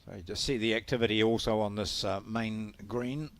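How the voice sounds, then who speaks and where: A man giving live sports commentary in measured, unhurried calls. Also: fairly low pitch, steady tone, fairly bright tone, no echo.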